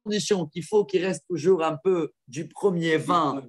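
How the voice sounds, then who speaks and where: Rabbi guy teaching his students, fairly high voice, gets excited and keeps saying bravo. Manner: enthusiastic, praises students, quick asides. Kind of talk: lively halakha lesson with students.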